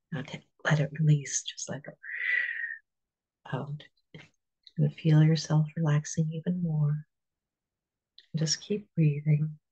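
A relaxation guide leading a guided muscle relaxation in a soft, calm, partly whispered voice, counting slowly to five between steps. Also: mid-range voice, slightly rough, highs cut off.

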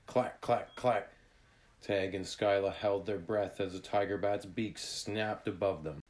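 Slow, deep-voiced man reading a storybook. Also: fairly even intonation, darkish tone. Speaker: narrator. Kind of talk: reading a children's book aloud.

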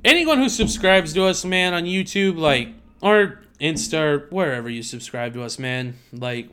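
Slangy hyped bro podcaster, higher-pitched man. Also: expressive, normal speed, fairly bright tone, clear, resonant tone. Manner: slangy, hyped bro talk, swears freely. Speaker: podcast co-host. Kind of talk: casual podcast banter.

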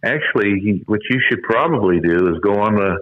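A retired engine builder in his seventies recalls his career in a phone interview, his fairly low voice animated and a little fast. The bad connection makes the dull lo-fi call sound muffled and glitchy, with a little hiss or hum, and he rambles with lots of fillers and trailing asides.

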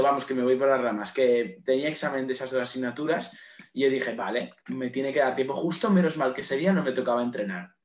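A young man, chatting casually as a podcast co-host, rambling off on tangents and swearing offhandedly. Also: medium pitch. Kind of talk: casual chat. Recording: roomy, dull lo-fi sound.

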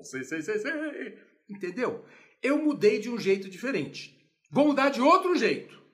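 A man giving an informal music lesson, animated and playful, explaining with sung examples. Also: extremely high pitch, unhurried. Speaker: music teacher.

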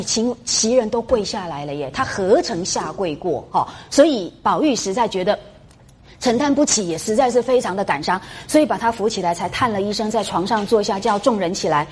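A woman lecturing on a classic novel, animated and often asking her listeners questions as she retells scenes. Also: mid-range voice, breathy edge. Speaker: literature lecturer.

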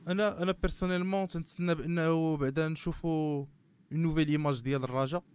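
A man with a Moroccan accent speaks in a smooth, clean voice at a very rapid pace. His pitch sits a little high as he lays out his analysis as a panel guest, switching often into French terms. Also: steady tone, darkish tone. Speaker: guest commentator on football club marketing. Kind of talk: panel discussion, giving analysis.

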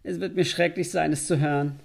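A man reading aloud, voicing a young countess who is frightened and pleading, in a raised, creaky voice. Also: on the high side, fairly even intonation, brisk, pitched above the performer's own voice.

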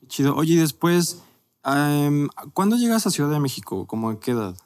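A woman hosting a podcast, asking relaxed, slangy follow-up questions. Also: deep voice, moderate pace. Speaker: podcast host. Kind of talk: casual interview.

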